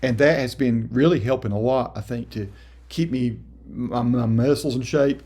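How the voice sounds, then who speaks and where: Gravelly-voiced man in his fifties, rambling. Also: medium pitch, moderate pace, a little mellow. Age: 50s. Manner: rambling, self-correcting, folksy. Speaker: vlogger. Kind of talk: casual talk to camera.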